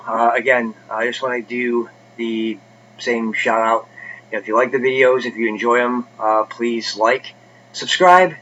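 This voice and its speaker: Man, bright tense voice, congested, casual rambling book-chat host, dull lo-fi sound. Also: mid-range voice, slight background noise. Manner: rambling, many fillers and restarts. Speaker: book review channel host.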